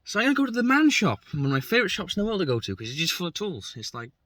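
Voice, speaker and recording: A man's voice: high-pitched, wildly swooping pitch, rapid-fire, pushed and bright, no room sound. A man doing a casual, self-deprecating how-to narration while working on his car in a garage. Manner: chatty, self-deprecating, rambling. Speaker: car build vlogger. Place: garage workshop.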